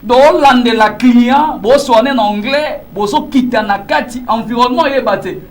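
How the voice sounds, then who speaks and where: A man with a Congolese French accent coaches his viewers in a motivational teaching monologue. His voice sits very high for a man. He speaks emphatically, firing rhetorical questions at the listener and slipping Lingala phrases into his French. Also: normal speed. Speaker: English-learning coach.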